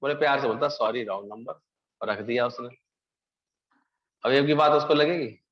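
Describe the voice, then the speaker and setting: A man's voice: medium pitch, moderate pace. A man giving a spiritual discourse, telling stories and asking his listeners questions that he then answers himself. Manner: storytelling preacher, asks and answers own questions. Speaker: spiritual teacher. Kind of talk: Hindi satsang discourse. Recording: dull lo-fi recording.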